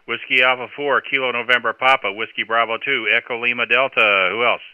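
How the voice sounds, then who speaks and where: A man's voice: mid-range voice, fairly even intonation, a little fast, lo-fi sound, heavy background noise. A man working as an amateur radio net controller, speaking in courteous, procedural marine radio style with phonetic call signs.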